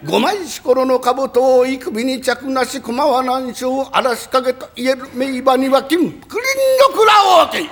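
A man voicing a pompous male storyteller who recites a battle tale in a slow, drawn-out chant during a rakugo performance. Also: very high voice, a bit bright, heavily acted. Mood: grand declaiming.

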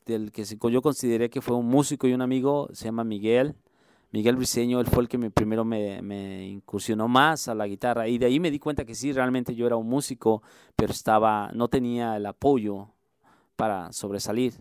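Speaking in a radio interview, this middle-aged Mexico City man, who plays and teaches music, sounds earnest but halting, full of fillers and false starts. His voice sits in the middle range, steady, clear, resonant and slightly dark, recorded cleanly in a studio with no room sound.

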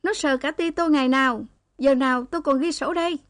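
A woman's voice: high voice, no echo, clean studio sound, voice pushed up, lightly acted. A woman voicing a scrawny, hysterical young woman who wails and screeches, swapping n sounds for l. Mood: shrieking wail. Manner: swaps n for l, screeching fast.

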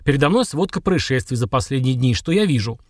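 A man reading an audiobook and voicing an angry, cold boss who berates his staff with slow, shouted words. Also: medium pitch, expressive, no room sound, clean studio sound, close to an everyday voice. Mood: furious. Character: furious middle-aged male boss, cold and domineering.

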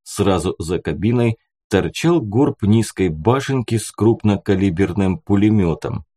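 A man's voice: on the low side, expressive, a little slow, mellow, breathy edge. A man reading an audiobook aloud, narrating and voicing the characters' dialogue by raising his voice. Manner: lifts his voice for other characters' lines.

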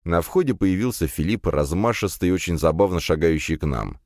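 A man narrating a fantasy audiobook in the first person, in a lively storytelling manner. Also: sits low, brisk, no echo. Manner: lively storytelling with acted dialogue. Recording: dry close studio.

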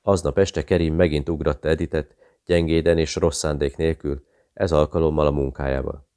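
A man's voice: rumbling low, little pitch movement, warm tone, smooth, no echo, clean studio sound. A man steadily narrating a thriller audiobook.

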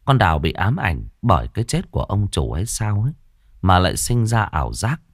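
Male audiobook narrator, very low voice, lively melody, dry close sound, dramatic ghost story. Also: brisk, dry recording.

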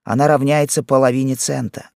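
A man's voice: mid-range voice, flat delivery, a little fast, creaky, darkish tone, no room sound, clean studio sound, voice pushed up, lightly acted. A man voicing a devoted young island wife, reading her lines in a raised, emotional, pleading way. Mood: eager. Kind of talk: audiobook character reading.

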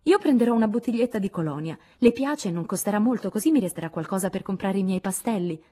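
A vain, prim little girl, eager and full of her own importance, as a woman reads her. Her voice is pitched high above the narrator's, with a husky grain. It is a storybook role. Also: animated, quick pace, dark tone, close to an everyday voice.

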